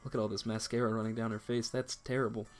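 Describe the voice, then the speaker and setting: A man's voice: fairly low pitch, little pitch movement, quick pace, faint music behind. Chatty man narrating a game. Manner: chatty, reads text aloud. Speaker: let's play host. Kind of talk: gameplay commentary.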